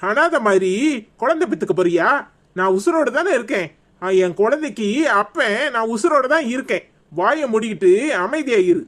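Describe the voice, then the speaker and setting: A man's voice: extremely high pitch, lively intonation, moderate pace, a bit bright. A man voicing a hot-tempered, insistent estranged husband in a cartoon comedy, speaking Tirunelveli Tamil in a pleading yet stern way.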